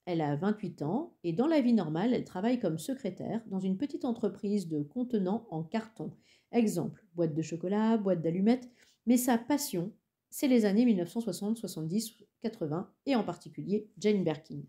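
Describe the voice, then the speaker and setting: A woman reading the lines of a fussy middle-aged male talent agent with a smooth salesman's patter, in a storybook. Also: medium pitch, animated, moderate pace, dark tone, natural voice. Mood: pitching.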